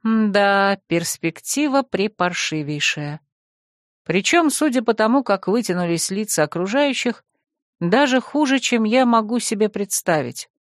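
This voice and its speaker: A woman narrating a fantasy audiobook in first person, with a wry, lively storytelling manner. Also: medium pitch, measured pace, no room sound, clean studio sound.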